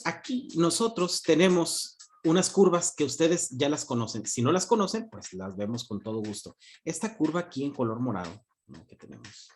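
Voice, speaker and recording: A man, a university economics teacher giving an online class, joking and answering his own questions. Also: mid-range voice. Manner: joking, asks questions and answers them himself.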